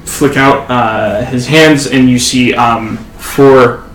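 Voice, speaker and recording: A man narrating as game master of a tabletop game, halting, with many fillers. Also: medium pitch, steady tone, a bit bright. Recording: echoey room, faint noise.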